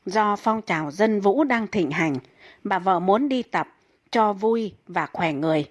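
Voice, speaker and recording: A woman narrating a string of short funny stories. Her delivery is steady and even, like scripted storytelling read straight through. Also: mid-range voice, unhurried. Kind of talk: reading jokes aloud.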